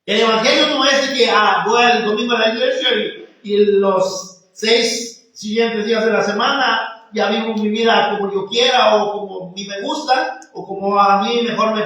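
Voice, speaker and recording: A man's voice: sits high, bright, forceful tone. A man preaching a sermon in a conversational way, often calling his congregation brothers. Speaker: pastor. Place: church hall. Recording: echoey church hall, from far off.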